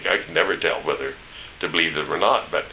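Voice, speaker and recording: A man's voice: rumbling low, quick pace, sharp tone, slight background noise, poor audio. An elderly man with a standard American accent reminiscing in a rambling, anecdotal way, searching for names as he goes. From East Tennessee, United States. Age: older, 70s or above. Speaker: interviewee recounting memories. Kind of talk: oral history reminiscence.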